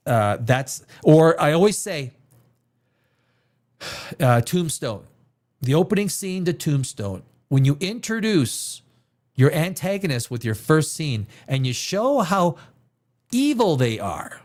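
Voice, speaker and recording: He's a Canadian streamer chatting loosely about film, emphatic and opinionated, leaning on repetition for emphasis. The voice sits a little high and is very animated yet slow, with long pauses and a slightly mellow quality.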